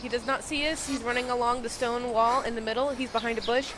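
A woman's voice: on the high side, fairly even intonation, quick pace. A woman playing an online game, anxiously spotting enemies and calling out directions to a teammate. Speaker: game player. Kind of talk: gameplay voice chat. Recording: voice chat with loud noise.

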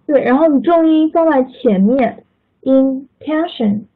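A woman with a high voice and moderate pace teaches English pronunciation in an online class, patiently correcting students and calling on them by name over video call. The call audio sounds tinny.

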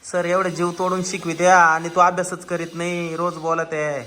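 A man's voice: a little high, little pitch movement, normal speed, sharp tone, slight background noise. A man, casually vlogging as he picks up a child from school, coaxing and scolding with many short repeated questions. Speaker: vlogger, parent picking up a child. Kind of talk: casual spoken vlog. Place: school classroom.

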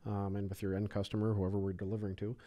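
A man's voice: fairly low pitch, little pitch movement, very fast, mellow. A man on a logistics panel, talking in a chatty, folksy way and throwing in pop-culture jokes. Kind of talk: casual panel discussion.

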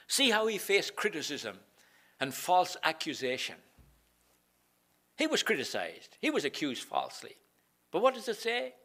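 Male preacher, slightly high bright voice, earnest and repetitive sermon delivery. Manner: earnest, repeats key phrases, frequent pauses. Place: chapel.

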